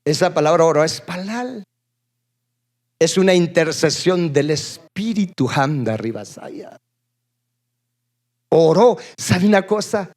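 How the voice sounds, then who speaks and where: A man preaching a sermon to a congregation. He keeps asking the room questions and calling for responses, swinging between loud bursts and low asides. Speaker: pastor. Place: church.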